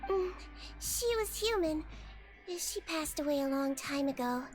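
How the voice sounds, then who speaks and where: A woman voicing a small, gentle, matter-of-fact female nurse creature with a childlike voice in a video game. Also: sits high, animated, unhurried, faint music behind. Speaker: doctor.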